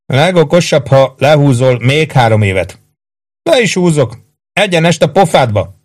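A man's voice: a little high, expressive. A man reading an audiobook, voicing a cocky, wisecracking young soldier at a card game. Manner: brash, needling, boastful. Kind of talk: audiobook character voice.

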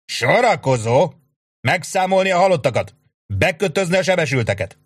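A man's voice: medium pitch, very animated, a bit bright, no echo, pitched above the performer's own voice. A man voicing a fierce male army officer who barks battlefield orders in a storybook reading. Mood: barking orders.

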